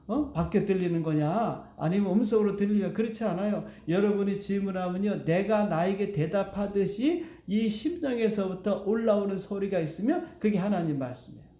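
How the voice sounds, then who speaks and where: A man's voice: high voice, dark tone, roomy sound. A male pastor preaching a sermon to his congregation, asking it rhetorical questions. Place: church sanctuary.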